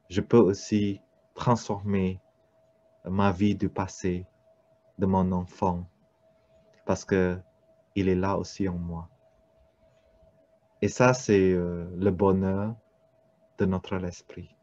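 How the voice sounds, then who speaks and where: Deep, slow man with foreign accent in French. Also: warm tone. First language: not French. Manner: halting, searching for words in non-fluent French. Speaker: meditation teacher. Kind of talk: unscripted Buddhist-style dharma talk. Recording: dull, muffled lo-fi sound.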